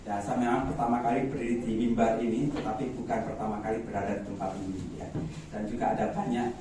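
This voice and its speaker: Man from East Java, preacher, joking, pitch leaps for emphasis, very echoey church hall, distant mic, faint hiss. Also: little pitch movement, quick pace. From Malang, East Java, Indonesia. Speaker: guest preacher. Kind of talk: sermon.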